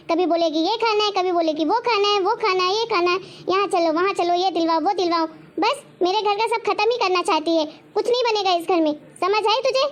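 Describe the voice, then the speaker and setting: A woman playing a harsh, stingy mother-in-law who scolds and taunts her daughter-in-law in a homemade family drama. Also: very high-pitched. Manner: scolding, taunting, repeats demands. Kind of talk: homemade web-drama acting.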